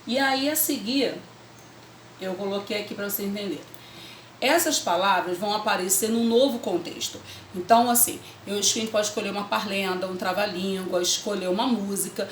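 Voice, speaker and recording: A woman's voice: medium pitch, slight background noise. A woman teacher, patiently explaining a literacy lesson to parents step by step, often checking in. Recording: echoey room with faint ambience.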